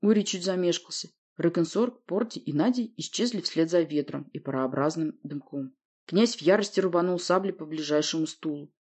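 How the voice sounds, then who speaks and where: A woman reading a fantasy novel aloud in first person, in an even storytelling manner. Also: lowish voice, normal speed, breathy edge. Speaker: audiobook narrator. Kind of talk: scripted narration.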